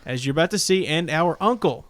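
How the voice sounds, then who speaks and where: A man's voice: on the high side, lively intonation, fairly quick, a bit bright. Casual male show co-host, playful. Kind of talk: casual banter, hosting a giveaway show.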